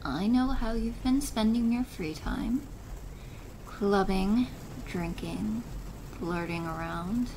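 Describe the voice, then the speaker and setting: A woman playing a possessive, doting and controlling stepmother in an ASMR role-play drama, chiding in a deliberate, motherly way. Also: medium pitch. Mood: chiding, worried. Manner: slow, deliberate, softly chiding, maternal. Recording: noisy rain ambience behind voice. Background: rain.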